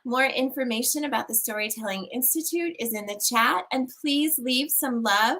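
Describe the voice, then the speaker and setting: High, bright-voiced woman hosting. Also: moderate pace. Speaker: event host. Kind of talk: closing remarks at a storytelling event.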